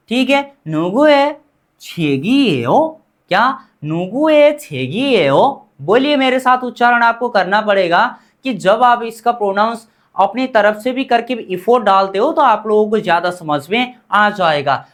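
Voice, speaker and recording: A woman teaching a grammar lesson, repeating each word slowly and quizzing the learners as she goes. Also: mid-range voice. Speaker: language teacher.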